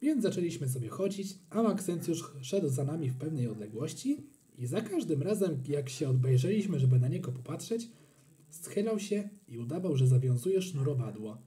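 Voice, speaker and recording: An expressive man reading a children's storybook aloud. His pitch moves a lot and sits slightly high, with a dark, mellow tone. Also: normal speed. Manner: expressive, animated. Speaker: narrator.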